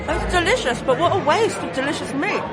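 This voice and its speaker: Woman reporting from a loud crowded restaurant. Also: high voice, animated, fairly quick, over loud music, over a noisy crowd. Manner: chatty, amused running commentary. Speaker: reporter on location. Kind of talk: live on-the-spot commentary. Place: busy restaurant indoors.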